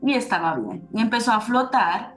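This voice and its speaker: A woman's voice: fairly high pitch, lively intonation, normal speed, fairly bright tone. A woman telling a personal story with emotion and turning it into a spiritual teaching. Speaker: spiritual speaker. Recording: roomy echo with faint music.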